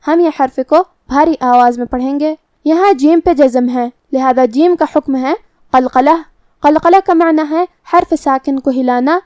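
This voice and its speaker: A woman teaching Quran recitation rules, explaining each word methodically, then reciting it slowly and drawn out. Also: sits high, darkish tone, no echo, clean studio sound.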